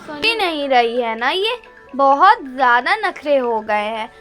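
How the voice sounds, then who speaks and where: A woman's voice: high voice, big pitch swings, a little slow, soft background music, exaggerated voice. A woman playing a nagging older mother-in-law with a sore throat who keeps coughing and scolding in a comic family skit. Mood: grumbling. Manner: complaining, scolding, calls out loudly.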